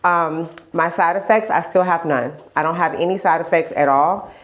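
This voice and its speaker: Still congested from a lingering cold, a woman talks casually in a rambling, candid video diary about her health journey, repeating phrases to stress them. Her voice is lowish, at a moderate pace.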